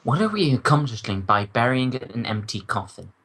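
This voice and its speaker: An actor playing a stuffy gentleman doctor, a detective's loyal companion, in an old-time radio drama with a proper, grumbling manner. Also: mid-range voice, big pitch swings, normal speed. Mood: grumbling, uneasy.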